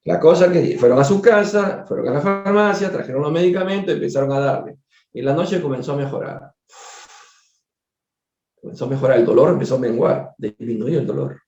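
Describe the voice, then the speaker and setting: A doctor telling a case story during a spiritist book study, conversational and digressive, repeating words and turning to his listeners with quick asides. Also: fairly high pitch, darkish tone. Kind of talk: storytelling lecture. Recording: echoey room, dull lo-fi sound.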